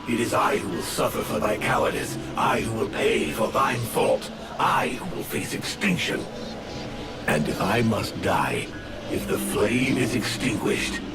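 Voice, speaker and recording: A low, slow, wrathful fire demon for a video game, declaiming in grand archaic phrases. The voice sounds distant, under very loud music. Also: male voice. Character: wrathful, imperious ancient flame demon spirit. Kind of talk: video game character acting.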